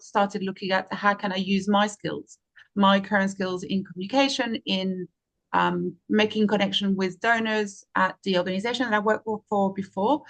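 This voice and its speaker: A woman in her forties from France, speaking as an interview guest, explaining her work steadily with frequent pauses. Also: medium pitch, a bit bright. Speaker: guest, fundraising and marketing consultant. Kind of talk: interview answer, casual.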